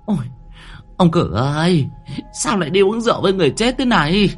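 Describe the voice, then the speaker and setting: A grief-stricken wife wailing aloud, as a male storyteller voices her, high and breathy with a wildly rising voice. Faint music plays under this spoken horror tale. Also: sing-song, a little fast, heavily acted. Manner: wailing, lamenting.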